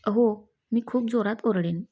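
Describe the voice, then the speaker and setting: A woman's voice: on the high side, moderate pace, mellow, breathy edge. A woman voicing a shy, pampered young wife who pleads and pouts in a read-aloud story. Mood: coy. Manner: pleading, coy.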